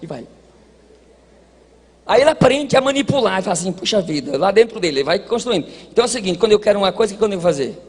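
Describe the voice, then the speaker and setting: High-voiced husky preacher in an echoing hall. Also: male voice, animated, fast talker. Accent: Brazilian Portuguese. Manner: folksy, joking, shifts between quiet asides and shouted exhortation. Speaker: pastor. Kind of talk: sermon. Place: large church hall at a congress. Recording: hall reverb, long echo.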